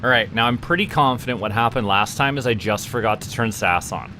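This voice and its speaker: There's a little hiss or hum as a Canadian man streams a game, his lowish voice animated, pushed, bright, and a little fast. The VTuber rambles in casual chat with viewers, tripping over repeated words.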